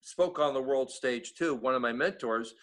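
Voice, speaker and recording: Chatting casually as a guest, a man with an East Coast American accent rambles through his updates, restarting again and again. His voice is medium-pitched and his pace moderate.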